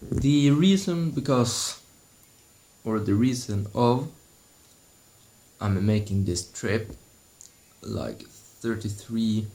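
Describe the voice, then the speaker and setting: Slow, low-voiced young man vlogging at home. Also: darkish tone. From Sweden. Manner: slow and halting, with many restarts. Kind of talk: casual vlog. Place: at home indoors.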